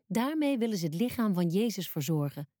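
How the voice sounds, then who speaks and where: A woman narrating a scripted children's Bible story, telling it calmly, clearly and simply. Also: medium pitch, a little fast, dry recording, clean studio sound.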